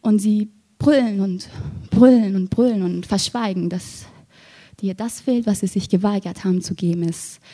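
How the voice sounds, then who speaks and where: A woman performing spoken word poetry with a rhythmic, rhyming delivery that swings between soft and loud. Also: medium pitch, normal speed.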